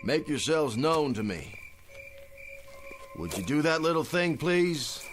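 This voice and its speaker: Old West swindler, old-time radio drama, theatrical, smooth-talking, animated pitch, prominent music underneath. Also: male voice, slow. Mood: theatrical, imploring. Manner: grandiose, florid, declamatory showman delivery.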